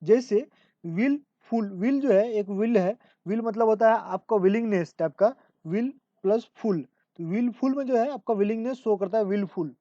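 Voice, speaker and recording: A woman teaching grammar in an exam-prep lesson, explaining step by step with lots of repetition and reading rules out slowly. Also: a little high, warm tone, dry recording. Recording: dull lo-fi dry recording.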